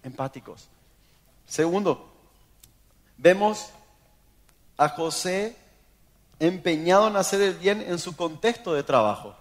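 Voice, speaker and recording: A man with an Argentine accent preaching a sermon in church, telling stories in a lively way and acting out the people in them. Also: high-pitched, takes it slowly, long pauses. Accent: Argentine Spanish. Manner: animated storytelling, acts out quoted voices. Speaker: pastor. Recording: long hall reverb.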